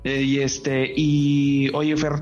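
A man's voice: mid-range voice, completely flat delivery, very slow, a little mellow, muffled recording, faint music behind. A male podcast host, chatting in a chummy, slangy, rambling way. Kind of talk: casual podcast chat.

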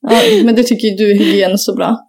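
A woman's voice: medium pitch, fairly even intonation, creaky, darkish tone. A young woman in casual chat, telling a rambling story full of fillers and casual swearing. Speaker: podcast co-host.

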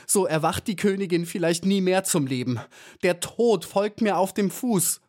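A man's voice: sits high, normal speed, a little mellow, pitched above the performer's own voice, close to an everyday voice. Man voicing Maya, a desperate little bee girl. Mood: urgent. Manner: breathless, pleading. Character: small young female bee, desperate and urgent.

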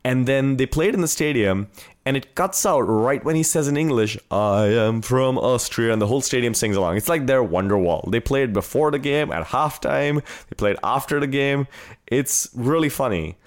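An American podcast host recounts a trip in a casual, enthusiastic chat. His mid-range voice is expressive and fairly quick.

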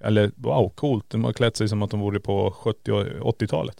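A man co-hosting a podcast, musing out loud and asking rhetorical questions in casual talk. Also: fairly low pitch, steady tone, vocal fry, dry recording, studio quality. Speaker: podcast co-host. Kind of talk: casual conversation.

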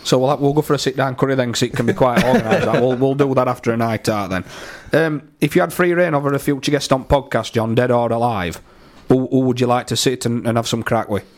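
A man hosts a podcast and trades easy banter with his guest. He talks quickly. His voice sits at a middling pitch. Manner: quick, friendly wrap-up banter. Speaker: podcast host. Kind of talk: casual chat.

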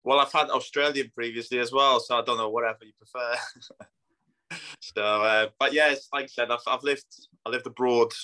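A Polish footballer in his thirties, a native Polish speaker, chats casually and matter-of-factly in an interview, his accent blending Polish, Scandinavian and northwest English. His voice is medium-pitched with fairly even intonation, a moderate pace and a sharp tone, and the audio quality is poor.

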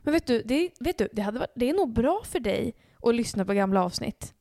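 Young woman, soft-spoken, fairly high voice, dry close mic. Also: expressive, no echo. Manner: soft-spoken, reassuring back-channel murmurs. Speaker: podcast co-host. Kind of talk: casual chat.

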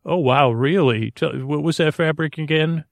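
This sleep podcast host is a man whose creaky, fairly high-pitched voice rambles in a soothing, halting bedtime monologue. He's friendly, says things twice, and lets thoughts trail off unfinished. The recording is dry.

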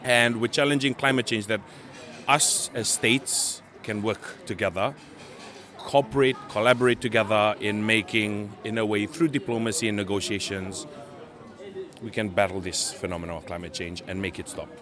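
A man from Fiji, giving earnest interview answers and pausing to search for words. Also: on the low side, fairly even intonation, fairly bright tone. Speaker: Pacific island campaigner interviewed at a meeting.

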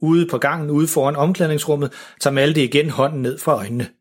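Husky man reading a story. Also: a little high, fairly even intonation. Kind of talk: storybook narration.

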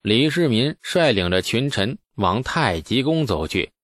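A man narrating a historical novel as an audiobook in a steady storytelling manner. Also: medium pitch, a little slow, no echo, studio quality. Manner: steady storytelling with asides to listeners.

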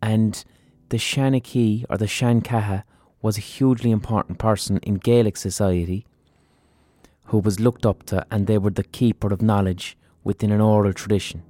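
A man's voice: fairly low pitch, fairly even intonation, moderate pace, mellow, no room sound. An Irish man hosting a podcast, talking casually and earnestly with some swearing. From Ireland. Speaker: podcast host. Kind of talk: casual spoken podcast introduction and interview.

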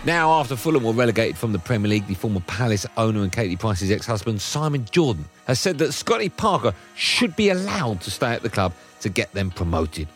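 Lively male presenter over music. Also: lowish voice, fairly quick, hardly any pauses. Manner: playful, lively intros. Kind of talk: scripted link narration.

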